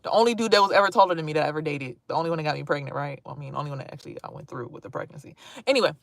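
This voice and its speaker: Low, very fast and full of vocal fry, this voice belongs to a blunt, animated woman in her thirties streaming to viewers. She swears freely and chats in asides during casual live-stream talk, with no room sound on the recording.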